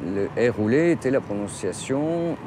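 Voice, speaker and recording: A man explaining a point deliberately as an expert in an interview. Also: medium pitch, animated. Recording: street traffic noise.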